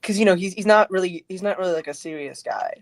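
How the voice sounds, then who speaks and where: A man chatting casually about voicing characters in a fan production, animated and full of restarts. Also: sits high, fast, dry recording. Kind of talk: casual group chat.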